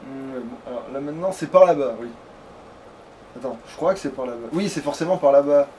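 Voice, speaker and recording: His mid-range voice is dark in tone and fairly quick as he plays through a let's play, chatting casually and often grumbling to himself. The speech is sweary and colloquial, recorded at home with plenty of clear background noise.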